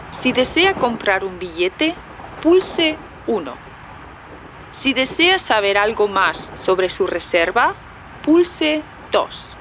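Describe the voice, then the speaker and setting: A woman's voice: fairly high pitch, noisy background, heavily acted. A woman playing an automated railway phone operator, reading menu options in a polite, formal announcement style.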